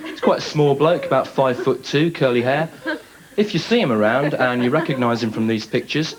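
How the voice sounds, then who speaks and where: A man's voice: mid-range voice, normal speed, a crowd in the background, low-quality recording. A young man, telling a matter-of-fact stand-up bit that builds to a punchline. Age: young adult. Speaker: stand-up comedian. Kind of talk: stand-up routine. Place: comedy club stage. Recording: old TV stage recording with loud audience.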